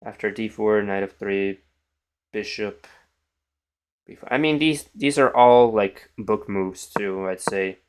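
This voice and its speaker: Low-voiced tired young man streaming chess. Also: slow pace, a little mellow, clear, resonant tone. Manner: mumbling, thinking aloud, trailing off. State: tired, morning voice. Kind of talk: casual live-stream commentary.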